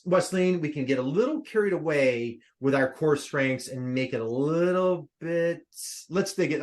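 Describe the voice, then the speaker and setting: A man hosting a live online workshop, upbeat and playful, quizzing his audience over a video call. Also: a little high. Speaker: workshop host.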